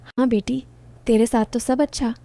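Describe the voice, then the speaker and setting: A woman voicing a gentle, doting middle-aged uncle in a spoken story, speaking in few, soft, indulgent words. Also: fairly high pitch, steady tone, normal speed, no room sound, lightly acted. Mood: tender.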